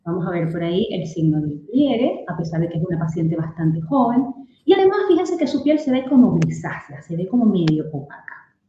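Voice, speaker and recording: A woman's voice: fairly low pitch, big pitch swings, brisk, dark tone, roomy sound, dull audio, slight background noise. A woman doctor from Venezuela gives a clinical lecture to colleagues. She explains things step by step and works through patient cases. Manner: explanatory, addressing colleagues with case examples. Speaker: aesthetic medicine doctor giving a webinar talk.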